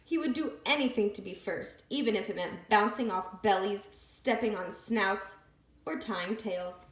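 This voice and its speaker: A woman reading a picture book aloud with expressive, lively storytelling. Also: mid-range voice, a little slow. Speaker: storybook reader. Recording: echoey room.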